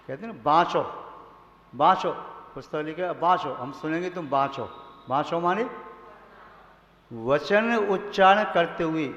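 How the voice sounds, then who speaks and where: A man, a monk, giving a measured sermon and posing rhetorical questions to his listeners. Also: fairly high pitch, a bit bright. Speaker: Jain monk. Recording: echoey hall, dull lo-fi sound.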